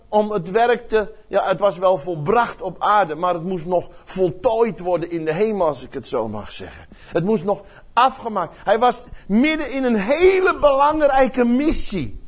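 With a high-pitched voice, an older pastor delivers a fervent sermon that lurches from loud bursts to quiet murmurs. He frequently says words over again as he hunts for how to phrase things.

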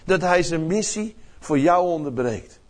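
An older man preaching a sermon with passion, swinging from loud outbursts to hushed words and often repeating words as he searches for phrasing. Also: on the high side, expressive, unhurried. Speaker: pastor.

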